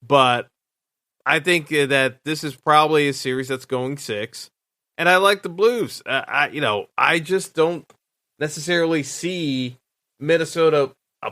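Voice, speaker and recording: Opinionated man with a bright voice. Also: on the high side, dry recording, clean studio sound. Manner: hesitant, full of fillers and restarts; opinionated, thinking aloud. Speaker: podcast host. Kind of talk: solo sports podcast commentary.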